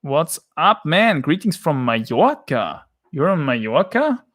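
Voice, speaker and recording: A man's voice: a little high, big pitch swings, unhurried, fairly bright tone. A man with an Austrian accent chatting casually on a livestream, rambling and joking as he answers viewers' chat. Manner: rambling, joking, reads chat comments aloud.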